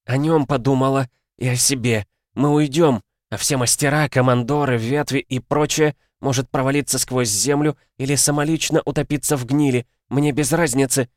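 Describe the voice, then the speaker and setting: A man voicing an exhausted young female hunter in an audiobook, hoarse and blunt. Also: mid-range voice, steady tone, normal speed, few pauses, dry recording, clean studio sound, voice pushed up, lightly acted. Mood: weary defiant. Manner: blunt, scornful. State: hoarse, worn out.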